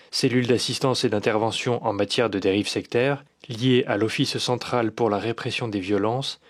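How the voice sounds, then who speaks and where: A man reading a scripted documentary voice-over in a measured, dryly critical manner. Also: mid-range voice. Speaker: documentary narrator. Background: music.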